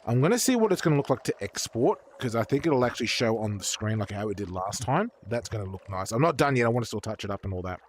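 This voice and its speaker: A male streamer chatting casually as he paints, quick to burst into excited, foul-mouthed exclamations. His voice sits at an ordinary pitch, with a faint hiss under it. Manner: swears freely, excitable outbursts. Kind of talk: casual chat while painting.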